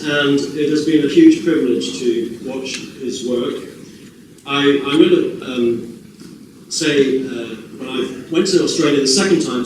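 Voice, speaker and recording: A man's voice: mid-range voice, a little hiss or hum. A man introducing the evening's speaker with rambling, good-humoured anecdotes in a lecture theatre. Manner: rambling, warm-humoured storyteller. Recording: echoey lecture theatre, distant mic.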